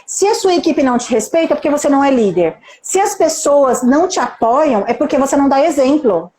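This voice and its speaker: Fast, high-voiced Brazilian woman. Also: expressive, warm tone, reverberant. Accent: Brazilian Portuguese. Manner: emphatic, rhetorical questions, acts out quotes. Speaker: nurse manager and mentor, live guest. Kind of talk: motivational live talk.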